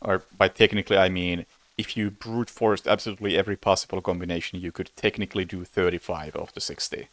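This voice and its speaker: A man's voice: low voice, steady tone, fast talker, few pauses. A man streaming a game, chatting casually in a rambling way with frequent chuckles and self-corrections, a bit sleepy. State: sleepy, yawning. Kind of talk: casual gameplay commentary.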